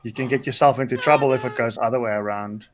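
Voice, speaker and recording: A man's voice: mid-range voice, steady tone, fast. A man with a South African accent, chatting casually and recounting things to friends. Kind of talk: casual chat.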